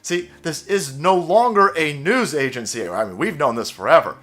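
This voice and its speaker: A man hosts a profane commentary rant, mocking and crude. His voice sits a bit higher than most men's. He often jumps into sarcastic put-on voices. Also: lively intonation, normal speed, a bit bright. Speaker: political commentary host.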